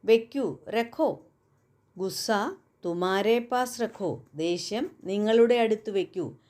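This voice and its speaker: A woman whose first language is Malayalam, teaching everyday Hindi phrases and repeating each example slowly and carefully. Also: medium pitch, a little mellow. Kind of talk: spoken language lesson.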